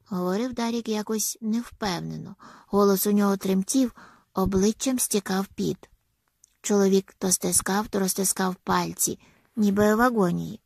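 Woman audiobook narrator, husky and gravelly, steady storytelling; dry, close recording. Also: mid-range voice, moderate pace, dry recording.

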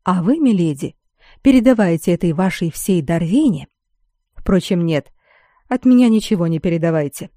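A proud young noblewoman snaps back with biting sarcasm and open defiance, as a woman reader plays her. Her voice sits warm and a little low, recorded close and dry. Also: animated, normal speed, dry recording, close to an everyday voice. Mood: defiant.

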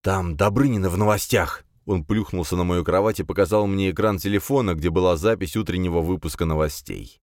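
A man narrating a fantasy audiobook in the first person with expressive, measured storytelling. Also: deep voice, dry recording, studio quality.

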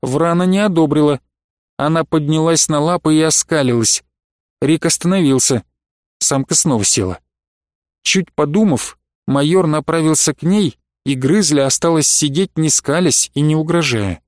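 Man, audiobook narrator, steady read, slightly high voice, dry recording. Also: moderate pace, no room sound. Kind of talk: scripted narration.

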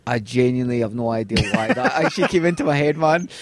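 Fast-talking Scottish comedian. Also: male voice, medium pitch, animated, dry recording. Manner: rambling, chatty, peppers talk with "man" and "mate". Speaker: comedian guest. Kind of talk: casual chat.

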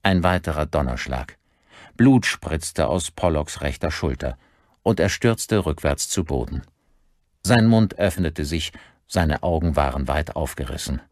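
Male audiobook narrator, deep voice, unhurried, lively intonation, dry close studio sound. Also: no echo. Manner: measured, expressive storytelling.

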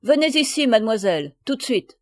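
A woman's voice: animated, moderate pace, no echo, clean studio sound, close to an everyday voice. A woman voicing a stout, harsh stepmother who gushes to guests and screeches at her stepdaughter. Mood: furious. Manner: loud, effusive, shrill when angry.

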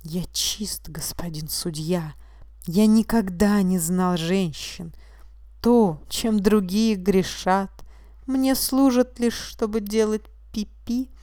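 A woman's voice: mid-range voice, unhurried, dry recording, clean studio sound, natural voice. A woman voicing a meek, weepy accused man. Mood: calm sorrowful. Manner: tearful, pleading and quietly insistent, slipping into a hushed whisper. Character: weepy, meek male mechanic accused of a crime.

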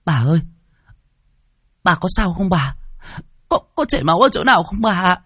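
A man voicing a frightened young girl who shouts and cries in panic. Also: sing-song, moderate pace, breathy edge, no room sound, studio quality, heavily acted. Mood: tearful worry. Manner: shrill frantic crying shouts.

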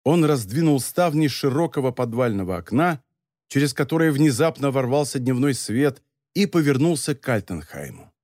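A man giving a measured, expressive reading of a dramatic novel as an audiobook narrator. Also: mid-range voice, no echo, studio quality.

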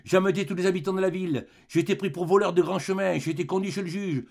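Man, audiobook reader, literary narration, slightly high voice, gravelly texture. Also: fast talker.

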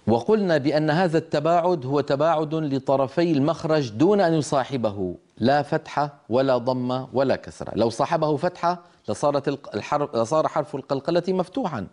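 A man's voice: a little high, a little fast, darkish tone. A man teaching Quran recitation in a televised lesson, patiently sounding out letters and asking listeners to repeat them. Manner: asks listeners to repeat after him.

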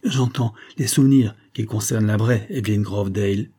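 A man's voice: lowish voice, brisk, warm tone, close to an everyday voice. Man voicing an insistent husband. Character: anxious husband questioning his wife, insistent.

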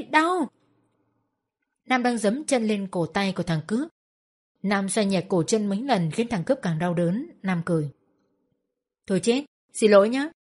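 A woman narrating an audiobook story, voicing the characters with lively dialogue. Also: mid-range voice.

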